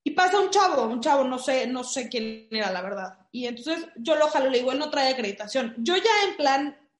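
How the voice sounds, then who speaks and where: In a high voice and at a moderate pace, a woman with a Mexican Spanish accent tells a story in casual conversation, animated and full of fillers. The room has an echo.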